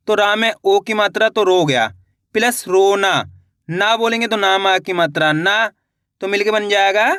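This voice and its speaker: Man, high voice, patient Hindi reading teacher, repeats each word, dry close recording. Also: fairly bright tone, no room sound. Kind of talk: slow spelled-out teaching.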